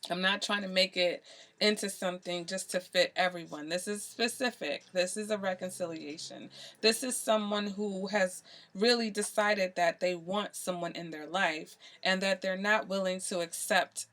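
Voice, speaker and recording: A woman's voice: mid-range voice, steady tone, normal speed, a bit bright. Woman, tarot reader, direct-to-camera, emphatic and earnest, lots of "you know" and "okay?", middle-range voice. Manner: earnest, emphatic advice with frequent "okay?" check-ins; repeats phrases for emphasis, many "you know" fillers.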